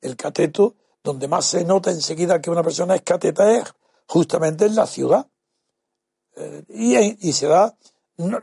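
A man with a high-set, gravelly voice explains words in a deliberate, lecturing manner. He often stops and restarts his phrases. The sound is close and dry, with a husky edge to his tone. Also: mellow, no echo. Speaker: language expert answering a listener's question. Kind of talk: explanatory talk on word meanings.

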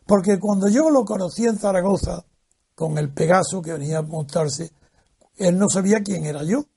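An older man tells a long personal anecdote in an interview, animatedly acting out the voices of the people in his story. His voice sits high and moves at a moderate pace, slightly rough with vocal fry.

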